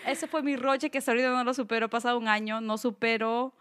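A woman's voice: on the high side, fairly even intonation, fast, a bit bright, clear, resonant tone. Giggly woman teasing friends. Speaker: podcast co-host. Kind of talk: casual chat.

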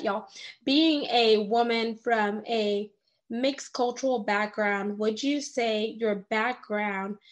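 A woman hosting an interview podcast, upbeat and enthusiastic as she introduces her guest and asks questions. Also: medium pitch. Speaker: podcast host.

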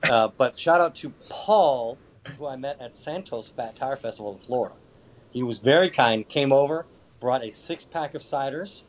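A man's voice: medium pitch, normal speed, a little hiss or hum. A man chatting casually as a podcast guest, sarcastic and foul-mouthed, with mock boasting. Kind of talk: casual chat.

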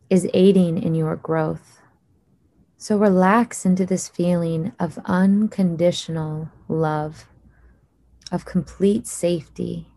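Slow soothing woman guiding hypnosis. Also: lowish voice, a little mellow, no room sound. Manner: slow soothing voice with long pauses. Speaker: hypnosis guide. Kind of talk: guided hypnosis meditation.

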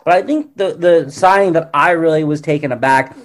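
Male panel guest, fairly high pitch, conversational hockey commentary, off-the-cuff opinions. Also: fairly quick. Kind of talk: conversational sports analysis.

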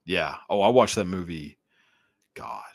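Deep-voiced American man chatting casually. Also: unhurried, no room sound, clean studio sound. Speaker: podcast host. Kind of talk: casual comedic podcast chat.

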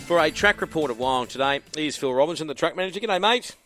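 A man's voice: a little high, expressive, quick pace, fairly bright tone, no room sound, faint music behind. An Australian man hosting a live racing radio show, interviewing guests casually on a studio microphone.

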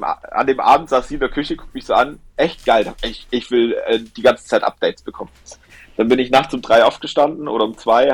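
A man's voice: mid-range voice, husky, no room sound. A young man, a guest on a podcast, telling a rambling, enthusiastic story about running, with lots of fillers and restarts. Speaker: podcast guest, ultra trail runner. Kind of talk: casual storytelling interview.

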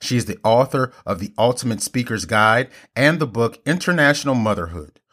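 A man's voice: mid-range voice, animated, a little fast, fairly bright tone. A man hosting a podcast, introducing his guest and interviewing her in an upbeat, enthusiastic way. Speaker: podcast host. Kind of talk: scripted show intro and interview.

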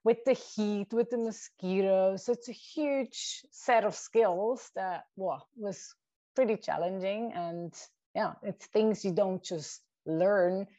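In a slow, mellow, medium-pitched voice, a woman from Switzerland who grew up speaking Swiss German answers interview questions about her work as a shark scientist, thoughtfully listing points and restarting slightly now and then. The audio is dull, lo-fi, and completely dry.

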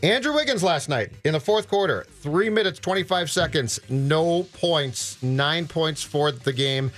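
A man's voice: on the high side, lively intonation, a little slow, a bit bright, soft background music. An American man in casual sports talk as an opinionated, emphatic radio co-host.

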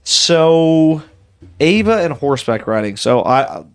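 Rambling, excitable podcast co-host, man. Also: fairly high pitch, slow pace, slight background noise. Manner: rambling, enthusiastic storytelling. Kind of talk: casual chat.

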